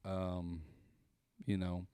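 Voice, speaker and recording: A pastor talks casually in a fairly low voice. He rambles in an easygoing way and leans on fillers as he thinks. The sound is dry and close. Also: monotone, drawn-out words, mellow, clear, resonant tone, no room sound. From South Central Kentucky. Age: 30s. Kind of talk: casual conversation. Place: indoor room by a window.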